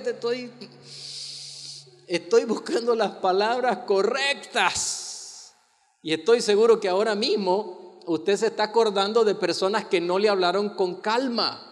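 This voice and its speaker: A male pastor preaching a sermon with emphatic stresses and soft slow asides, calling the congregation to repeat after him. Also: high-pitched, big-room sound. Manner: invites the congregation to repeat lines.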